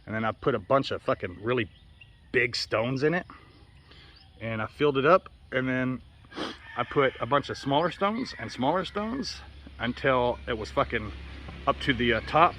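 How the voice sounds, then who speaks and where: With roosters and birds crowing and chirping around him, an American man rambles for his vlog in a yard, casual, offhand and profane. He speaks at a moderate pace in an animated, mid-range voice with a fairly bright tone, and the outdoor recording is noisy.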